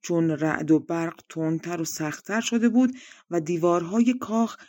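A woman narrating a folk tale audiobook in an even, conversational reading style. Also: on the low side, no echo. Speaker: audiobook reader. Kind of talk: storybook narration.

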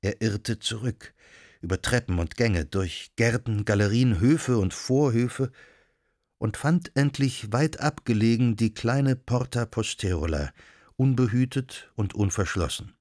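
A man narrating a literary audiobook in a measured, expressive manner. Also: mid-range voice, dry recording, studio quality.

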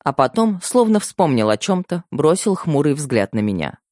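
A male narrator reads a novel aloud with lively, expressive intonation. The recording is close and dry, with no room sound. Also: fairly high pitch, normal speed, no echo. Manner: expressive storytelling. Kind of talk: audiobook narration.

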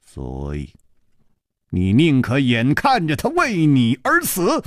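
A male storyteller voicing a calm, worldly swordsman hero who speaks low, hushed and measured. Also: dry recording, studio quality. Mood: calm, wry. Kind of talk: storytelling with character voices.

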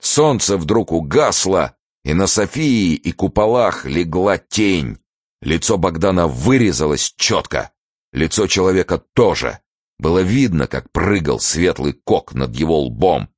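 A man's voice: low voice, measured pace, no echo, clean studio sound. A man narrating an audiobook expressively, shifting into voices for the characters. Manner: expressive storytelling with acted voices.

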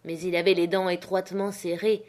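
Woman, audiobook narrator, lowish voice, steady measured reading, classic adventure novel. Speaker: audiobook reader. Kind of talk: scripted narration.

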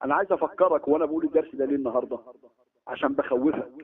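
A man with an Egyptian accent preaching a lesson, talking emphatically, acting out the stories he tells and slowing down for quotations. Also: fairly high pitch, husky. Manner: animated, emphatic storytelling that slows for quotations. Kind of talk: sermon lesson in colloquial Egyptian Arabic. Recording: tinny phone-like lo-fi recording.

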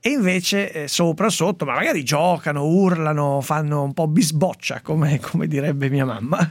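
Animated high-voiced radio host, man. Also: normal speed, no echo. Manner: laughing, animated storytelling. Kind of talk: lively radio chat. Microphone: studio mic.

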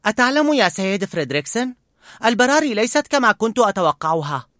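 A man doing a high, eager boy scout. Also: very animated, quick pace, no echo, studio quality. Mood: chatty. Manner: high-pitched, loud and earnest.

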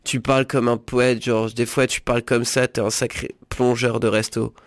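A man voicing a weary woman who drinks and is bitter about her ex, read flatly in his own voice. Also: medium pitch, moderate pace, dry recording, clean studio sound, close to an everyday voice.

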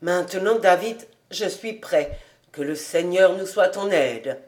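A woman reading aloud, voicing a lovesick, despairing young man in a low, quiet, subdued tone. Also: level tone, unhurried, close to an everyday voice. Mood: subdued, timid.

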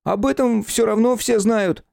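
A man reading an audiobook, voicing an excitable young male friend who talks high and agitated. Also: measured pace, creaky, dry recording, clean studio sound, heavily acted. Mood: indignant.

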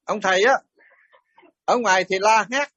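A middle-aged Buddhist monk tells stories in a dharma talk, lively and blunt whenever he acts out what was said. His voice sits fairly high with a husky edge. The recording is dry and close, with little room sound. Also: moderate pace, dry recording, highs cut off. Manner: animated, acts out quoted exchanges bluntly.

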